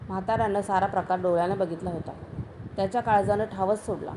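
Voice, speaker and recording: A woman reading a story aloud as narrator, steady and measured. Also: mid-range voice, background noise. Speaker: story reader.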